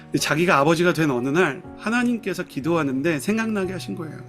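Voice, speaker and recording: A man's voice: a little high, animated, brisk, a bit bright, soft background music. A middle-aged man preaching to a young adult group over a video call, telling stories earnestly and asking his listeners questions. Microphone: video call microphone.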